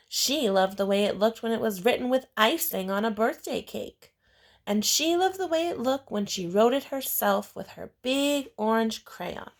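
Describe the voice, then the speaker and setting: A woman reads a children's picture book aloud in an expressive storytelling style, with deliberate, emphasized phrasing. Her voice is fairly high-pitched and gravelly.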